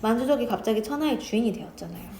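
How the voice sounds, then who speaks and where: A woman teacher explaining a classic story in a casual lecture, talking straight to her students and quoting the characters in lively voices. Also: fairly high pitch, very fast. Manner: chatty, quotes characters in lively voices, addresses students directly. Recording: echoey room with faint ambient noise.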